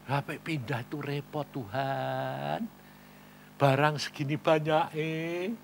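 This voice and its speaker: A man preaching a sermon, telling stories and acting out conversations, swinging from quiet asides to loud emphasis. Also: a little high, fairly even intonation, slow pace, creaky, a little hiss or hum. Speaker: pastor.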